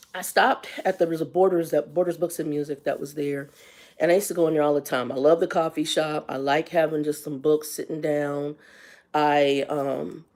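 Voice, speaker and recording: Her voice low, gravelly and darkish in tone, a livestream host in her fifties shares a personal story. She speaks candidly and colloquially, weaving in remarks about faith.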